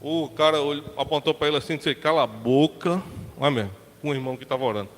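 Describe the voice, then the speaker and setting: Brazilian pastor, chatty storytelling sermon. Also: male voice, on the high side, very fast. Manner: colloquial, chatty storytelling with acted-out quotes. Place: church sanctuary. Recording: long church hall reverb, faint background hiss.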